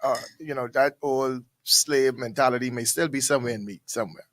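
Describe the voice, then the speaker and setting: A man's voice: medium pitch, steady tone, fairly quick, fairly bright tone, no room sound. A man, a pastor co-hosting a radio talk show, chatting casually with a wry, skeptical edge and dry quips. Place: radio studio.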